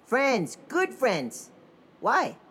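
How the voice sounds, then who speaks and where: Woman as a lively, casual storybook bird. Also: a little high, extremely slow, exaggerated voice. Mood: puzzled, casual. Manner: casual, hesitant, expressive. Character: young talking bird, casual, puzzled, loyal friend. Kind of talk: children's audio story character voice. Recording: clear background noise.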